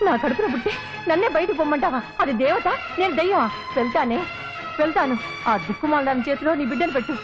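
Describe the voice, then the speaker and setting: An actress plays a bitter, sharp-tongued mother who curses and scolds at a rapid clip. Her voice is very high, and she wails for show. The film audio is dull, with music running underneath. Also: natural voice. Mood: venomous. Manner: scolding, cursing, theatrical wailing. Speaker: mother in a family drama. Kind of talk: melodramatic film acting.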